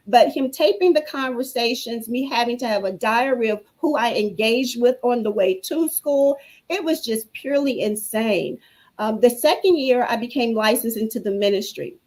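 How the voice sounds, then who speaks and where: A woman's voice: fairly high pitch, poor audio. A woman guest on a talk show telling her own story in an earnest, preacherly way. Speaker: guest speaker. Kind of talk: personal testimony on a talk show.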